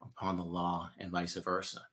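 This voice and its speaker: Guest, man in his fifties, very deep voice, halting explainer. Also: monotone, a bit bright. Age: 50s. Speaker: interview guest. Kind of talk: conversational interview answers.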